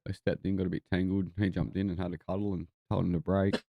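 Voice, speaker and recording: A man's voice: sits low, little pitch movement, fast, vocal fry, no echo, narrow, tinny audio. A man with a broad New Zealand accent giving casual, laid-back, sweary live fight commentary. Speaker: boxing watch-along podcast host.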